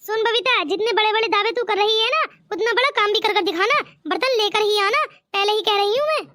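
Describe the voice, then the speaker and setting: Cartoon mother-in-law, strict and nagging, played by a woman, very high voice, dry. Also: brisk, sharp tone, no room sound. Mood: stern. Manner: nagging, stern.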